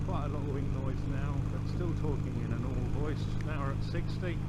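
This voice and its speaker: A man talking through a motorbike helmet intercom microphone while riding on the open road, calmly reading out his settings and speeds. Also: medium pitch, fairly quick. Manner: matter-of-fact, repeats settings and speeds. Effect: motorbike helmet intercom sound. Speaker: motorcyclist testing helmet audio gear. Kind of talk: casual running commentary while riding. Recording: loud wind and engine noise through helmet mic.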